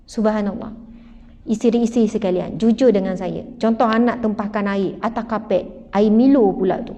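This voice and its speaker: A middle-aged woman with a Malaysian Malay accent giving an animated religious talk, acting out scenes from family life. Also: medium pitch, normal speed. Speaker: religious teacher. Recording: dull hall recording, faint noise.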